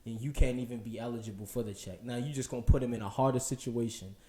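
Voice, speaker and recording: A man's voice: mid-range voice, steady tone, fast talker, roomy sound. A man co-hosting a casual podcast, talking earnestly in long rambling turns. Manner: earnest, rambling, many restarts, trails off quietly. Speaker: co-host.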